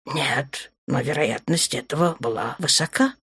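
A woman voicing a smug, teasing dark male lord in an audiobook, speaking low and soft, often near a whisper. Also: unhurried, vocal fry, breathy edge, exaggerated voice. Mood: tender.

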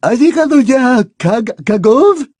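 A man reading aloud voices an imperious, languid giant French headmistress, speaking slowly and haughtily with small hesitations. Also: very high voice, animated, a little mellow, no echo, pitched above the performer's own voice, exaggerated voice. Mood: haughty.

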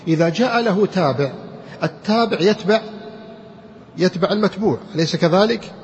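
A man with a somewhat high voice teaches grammar to a class, explaining step by step and throwing questions at his students. The recording is dull and muffled, with a long reverb trailing off the hall and a faint hiss underneath. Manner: explains slowly, quizzes students with rhetorical questions. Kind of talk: classroom lecture.

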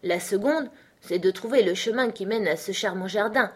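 A woman voicing a curious, bold young girl in a storybook, musing aloud in a husky voice. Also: medium pitch, normal speed, natural voice.

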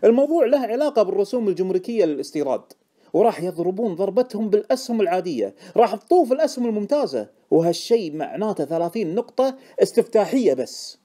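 Man voicing a shrill pushy stock tipster. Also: expressive, normal speed. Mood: insistent. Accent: Gulf Arabic. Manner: insistent, indignant, loud. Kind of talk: audiobook character voice.

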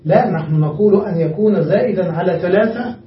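A man's voice: high-pitched, quick pace, slight background noise. A man teaching a grammar lesson to students, explaining patiently and often checking whether they have understood. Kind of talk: classroom lesson. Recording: far-off echoey muffled room recording.

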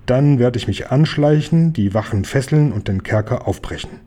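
A man voicing a determined young Nubian boy with a mellow, husky voice. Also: mid-range voice, animated, normal speed, natural voice.

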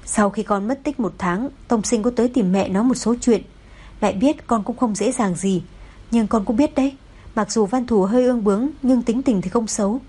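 Woman reading as a soft, stern older mother. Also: fairly high pitch, normal speed, slightly rough. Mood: gentle. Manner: soft-spoken, scolds dryly. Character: gentle but stern older mother-in-law.

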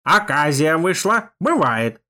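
A man plays a wily old priest who was once a balalaika player. He speaks in a gruff, folksy way, bossing the young men around in a commanding tone with a slightly distant sound. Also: fairly high pitch, sing-song, slow pace, pushed and bright, voice pushed up, full character voice. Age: older. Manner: gruff, folksy, barks orders.

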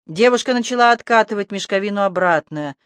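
An audiobook narrator reading a fantasy story in an even storytelling delivery. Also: medium pitch, brisk, smooth, no room sound.

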